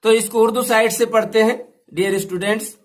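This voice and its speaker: A male teacher, slowly spelling out words and repeating each sound for his students. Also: sits high, fairly even intonation. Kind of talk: slow step-by-step language lesson.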